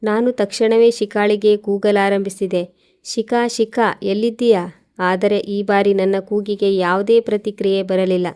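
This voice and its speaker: Brief: female storyteller, mellow voice with a smooth, clear tone, steady scripted narration. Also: mid-range voice, a little slow.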